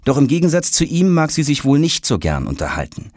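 Lively male storybook narrator. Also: a little high, a little fast, no room sound, studio quality. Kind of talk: children's audiobook narration.

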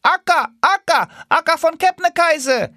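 A man voicing a flock of wild geese with shrill, mocking calls, very high above his own voice. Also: expressive, a little slow, bright, forceful tone, dry recording, studio quality, full character voice. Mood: urgent calling.

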